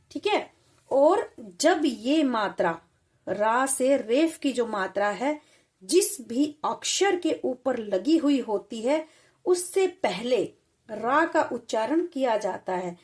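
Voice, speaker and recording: A woman gives a children's lesson at an unhurried, deliberate pace. Her voice sits fairly high, and she patiently sounds words out piece by piece, checking in often. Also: darkish tone. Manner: patient, repeats and spells out sounds slowly. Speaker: teacher.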